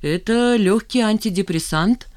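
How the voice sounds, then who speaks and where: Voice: medium pitch, moderate pace, pitched above the performer's own voice, lightly acted. An audiobook reader voicing a nosy, jealous male friend who chatters animatedly. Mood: self-important. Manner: gossipy, animated. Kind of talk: audiobook character voice.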